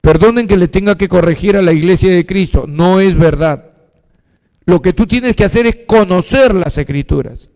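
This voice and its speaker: Man preaching a sermon, pitched up high, asks his listeners stuff then answers it himself, long hall echo. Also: normal speed, darkish tone. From Peru. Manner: asks the congregation questions and answers them himself. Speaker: pastor.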